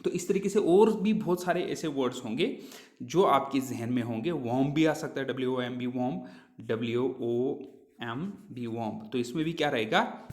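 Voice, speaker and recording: A male English teacher, giving a classroom pronunciation lesson, asking his own questions and repeating words slowly. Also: medium pitch. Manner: speaks Hindi mixed with English words.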